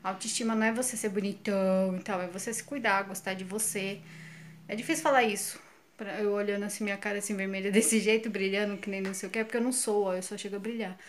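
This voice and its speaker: A woman's voice: mid-range voice, steady tone, quick pace, slight background noise. A woman with a Brazilian Portuguese accent, chatting casually to viewers in a home vlog filmed on a handheld phone. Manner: chatty, addresses viewers directly. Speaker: vlogger.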